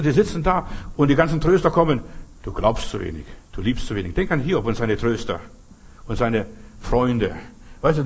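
A man delivers a sermon in a husky, slightly breathy voice at an average male pitch. He keeps hammering his points with repeated questions, leaning hard on each phrase. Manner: repetitive, rhetorical questioning. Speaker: pastor.

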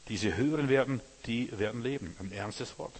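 A man's voice: medium pitch, normal speed, breathy edge. A man preaching a sermon in earnest German-language style, addressing his listeners directly as brothers and sisters.

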